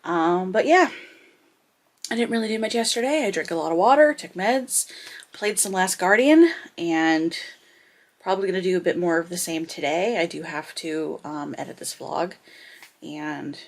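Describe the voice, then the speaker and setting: A woman's voice: fairly low pitch, a little slow, low-quality recording. Rambling woman vlogging at home. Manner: rambling, filler-heavy talk. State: slightly dry, scratchy throat. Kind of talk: casual vlog chat. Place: at home indoors. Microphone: compact vlogging camera's built-in mic.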